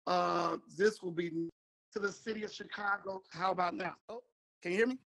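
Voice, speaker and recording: A man, a city council member, speaking into a meeting over a remote video call whose audio breaks up, talking haltingly and repeating words as he backs a project. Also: high voice, steady tone, gravelly, a bit bright, low-quality recording. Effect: remote video call link, audio breaking up.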